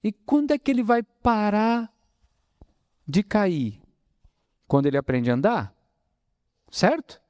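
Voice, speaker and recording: Brazilian male spiritist lecturer, animated pitch, dry close sound, preaching with rhetorical questions. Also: takes it slowly, long pauses, dry recording. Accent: Brazilian Portuguese, São Paulo interior. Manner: lively preaching, addresses audience as brothers, asks rhetorical questions. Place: spiritist center hall.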